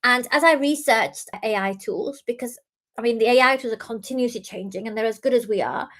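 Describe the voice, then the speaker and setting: A woman's voice: a little high, brisk, a bit bright. A young adult woman, born in Iran, giving an earnest talk as an author and innovation speaker, with many ums and restarts. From Iran, raised in the UK. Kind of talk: talk presentation.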